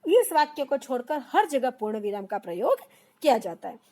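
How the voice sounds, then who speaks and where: Young adult woman, high voice, patient step-by-step teacher for exam prep, repeats key terms. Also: very animated, normal speed, a little mellow. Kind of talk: exam-prep grammar lesson.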